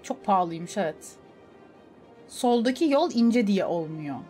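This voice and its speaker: A woman's voice: mid-range voice, animated, a little slow, dark tone, soft background music. A young woman streamer chatting casually over a city-building game, talking to herself and her chat. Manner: chatty, talks to herself and to chat, with sudden laughing outbursts. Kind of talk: casual gameplay commentary.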